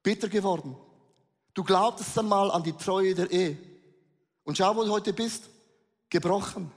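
Guy preaching, high voice, really fired up, big echoey hall. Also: moderate pace. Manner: fervent, rhetorical, peppers German with English catchphrases. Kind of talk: sermon. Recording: long reverb of a large hall.

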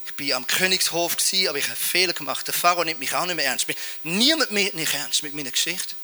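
A man's voice: a little high, animated, fast talker, sharp tone, voice pushed down. A preacher voicing Moses as a doubting, self-pitying Hebrew man in a sermon, speaking glumly and putting himself down. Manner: glum, self-deprecating.

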